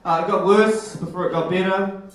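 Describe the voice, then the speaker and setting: A man's voice: sits high, fairly even intonation, moderate pace, slight background noise. A young man gives a comic, self-deprecating talk on stage at a live event, heard through an echoey hall. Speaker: presenter.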